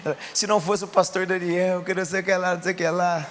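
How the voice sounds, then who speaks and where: A Brazilian man preaching a sermon, telling a testimony in a colloquial way and rising to shouts. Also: high voice, little pitch movement, quick pace, slight background noise. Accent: Brazilian Portuguese. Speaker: pastor.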